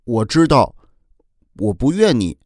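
A man's voice: mid-range voice, sing-song, measured pace, darkish tone, no room sound, studio quality. A man voicing a kind-hearted little dragon boy in a children's audio story, speaking earnestly. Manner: earnest, comforting.

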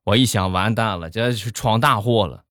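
A man's voice: lowish voice, normal speed, a bit bright, no room sound, clean studio sound. A man telling comic anecdotes in a chatty style, building up to punchlines. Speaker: comedy storyteller.

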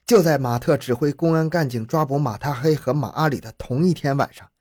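Male narrator for a true-crime audiobook, husky tone, mid pitch, dry close sound. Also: a little fast, a little mellow, dry recording.

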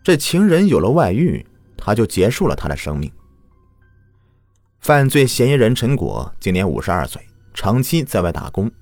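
A man's voice: on the low side, wildly swooping pitch, moderate pace, a little mellow, dry recording, soft background music. A man narrating true crime from a script as a host, in a dramatic storytelling manner. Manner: dramatic storyteller with rhetorical questions.

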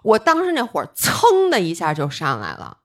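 A woman co-hosting a podcast, chatting casually and telling lively stories about arguments at home. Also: medium pitch, moderate pace. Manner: lively storytelling, re-enacting her own arguments. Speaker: podcast co-host. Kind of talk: casual chat.

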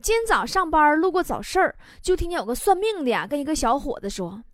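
A woman's voice: sits high, quick pace, no room sound, clean studio sound. A woman hosting a comedy radio show, reading listener jokes aloud and laughing often. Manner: laughs often, animated joke telling.

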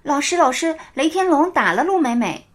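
A woman's voice: high voice, sing-song, moderate pace, voice pushed up. A woman voicing an earnest little schoolgirl who talks in an urgent, insistent way.

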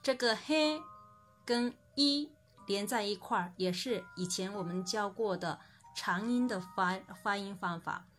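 A woman teaches a recorded language lesson at an ordinary middle pitch. She explains patiently and says each example word slowly and clearly. Soft music plays faintly behind her.

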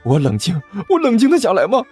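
Man playing a brash young disciple, high voice, wildly swooping, whiny, impatient, storybook reading. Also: wildly swooping pitch, a little mellow, breathy edge, soft background music, exaggerated voice. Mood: indignant. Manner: indignant, fast and complaining. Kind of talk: storytelling narration with character voices.

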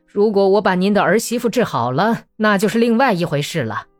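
A worn-out country doctor who talks plainly and bluntly, resigned to what he cannot mend, as a woman narrator reads him. The voice is lowish and dry, with faint music behind in a storybook reading. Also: lively intonation, moderate pace, a little mellow, no room sound, close to an everyday voice. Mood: protesting. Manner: tired, plain-spoken.

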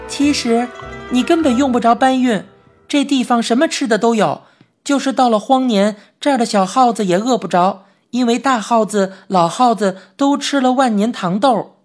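A woman voicing a frank, lively boy who has turned into a mouse, in a Beijing-tinged storybook reading, chatty and quick to complain. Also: on the high side, faint music behind, pitched above the performer's own voice, natural voice. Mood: eager. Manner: indignant, chatty, rapid complaints. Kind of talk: storybook narration.

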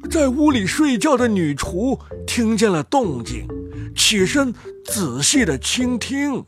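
A storyteller reads a fairy tale slowly and expressively, letting phrases stretch out. The pitch rises and falls widely, and music plays behind the reading. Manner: slow, expressive, drawn-out phrases.

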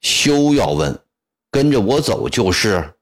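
A man's voice: lowish voice, very animated, takes it slowly. A man voicing a fierce young male rebel warrior who barks harsh threats in a storybook reading. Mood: menacing.

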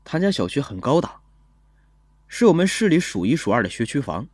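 A gentle young policeman. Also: medium pitch, sing-song, breathy edge, dry recording, clean studio sound. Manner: measured, gentle storytelling. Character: young male police officer, calm and gentle. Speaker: first-person narrator. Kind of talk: audio drama narration.

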